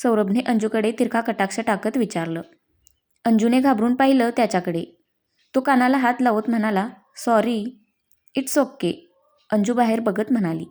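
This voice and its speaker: A woman reads a story aloud in a fairly high voice. She narrates at a steady pace and lifts her voice a little when the characters speak. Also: a little fast.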